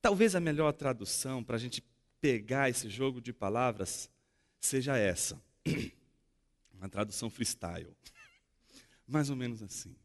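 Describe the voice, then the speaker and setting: A man with a Brazilian Portuguese accent preaching a sermon as a pastor, expressive and fond of rhetorical questions. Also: mid-range voice, unhurried, long pauses, big-room sound. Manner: expressive, acts out dialogue and asks rhetorical questions.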